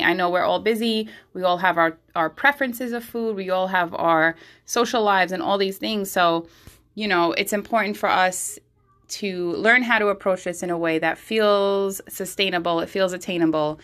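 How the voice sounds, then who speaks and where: A young woman hosts a podcast from a bathroom at home. Her voice sits slightly low for a woman. She talks casually and with clear enthusiasm, as if introducing a show to regular listeners. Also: a bit bright. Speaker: podcast host.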